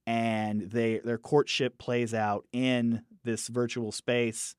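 A man talks through a film review with a middle-pitched voice, animated and restarting his phrases as he thinks aloud. The sound is dry and close to the mic, with no room echo. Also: takes it slowly, smooth. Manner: animated, acts out quoted characters in raised voices. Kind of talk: casual podcast film review.

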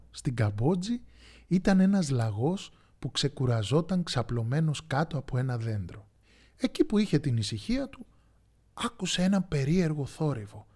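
A man narrating a children's folk tale in an expressive, sing-song way. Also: fairly high pitch. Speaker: storyteller.

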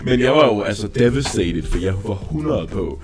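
A young man casually telling a story in a chat, animated and lively, sometimes acting out panicked shouting. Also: on the low side, over loud music.

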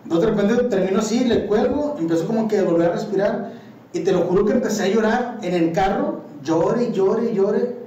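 Young Mexican guy, high voice, mellow tone, slangy rambling chat, echoey room, mic at a distance. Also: brisk, highs cut off. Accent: Mexican Spanish. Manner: slangy, rambling storytelling with many fillers. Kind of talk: casual chat.

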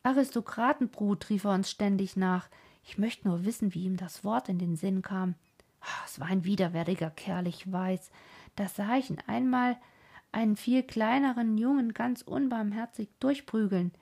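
Lady reading an excited uncle telling old school stories, gravelly, husky. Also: mid-range voice, normal speed. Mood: reminiscing. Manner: excited, reminiscing. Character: grown-up brother, eager storyteller uncle.

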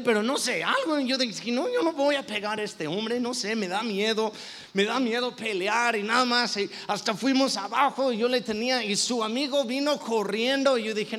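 A man's voice: high voice, a bit bright. A man, a pastor, telling a personal story in a sermon, with many restarts and self-corrections. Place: church.

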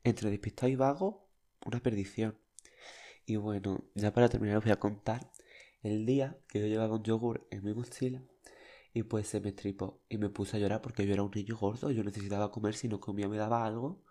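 A man's voice: on the low side, fairly even intonation, a little fast, warm tone. A young man, telling childhood anecdotes in a chatty, flamboyant, dramatic way. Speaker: podcast host. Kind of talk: casual storytelling monologue.

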